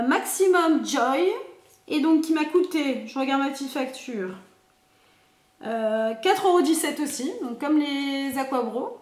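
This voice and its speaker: A high-pitched woman talks casually as a beauty vlogger, thinking out loud and filling pauses. She is recorded on a camera mic in an echoey room at home. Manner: chatty, many fillers, thinks aloud. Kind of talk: casual product unboxing and swatching.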